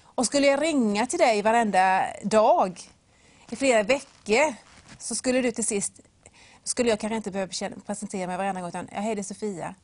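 A woman giving a devotional talk that retells a Bible story, acting out the voices and speaking straight to the listener with simple examples. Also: medium pitch. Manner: storytelling with acted-out voices and a whispered aside.

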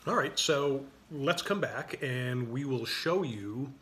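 A man hosting a show, chatting in a relaxed, rambling way over a dinner table, often restarting his sentences. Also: medium pitch, slow, noisy background. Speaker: show host. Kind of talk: casual chat over a dinner. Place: dining table indoors.

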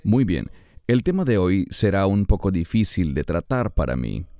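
A man hosting a Bible discussion, speaking in an earnest, measured way. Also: low-pitched, sing-song, mellow, no room sound. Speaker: host.

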